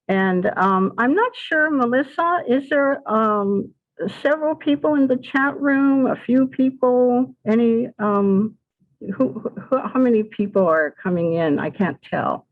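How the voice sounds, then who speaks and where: A woman in her sixties from Southern California, who teaches ESL at an adult school, gives a casual spoken webinar presentation over a video call. Her voice is a little high and unhurried, she hesitates with many fillers and restarts, and the audio sounds tinny and phone-like.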